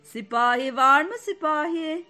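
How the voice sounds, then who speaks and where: A woman reading the part of a self-assured, grey-haired middle-aged man who teases and calls out loudly in a story. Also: sits high, unhurried, faint music behind, pitched above the performer's own voice. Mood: teasing. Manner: teasing, calling out loudly.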